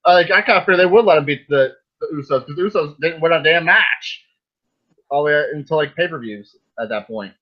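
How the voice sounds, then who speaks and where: A man's voice: fairly high pitch, a little fast. A man co-hosting a casual wrestling chat, talking bluntly and rambling with mild swearing. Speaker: co-host. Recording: dull lo-fi sound.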